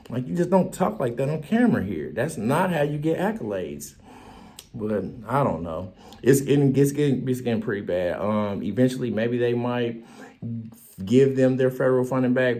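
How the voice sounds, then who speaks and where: A man hosting his own show, giving casual political commentary in a loose, joking way and laughing often. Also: mellow. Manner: loose, joking, laughs often, swings up high when mocking. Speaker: show host.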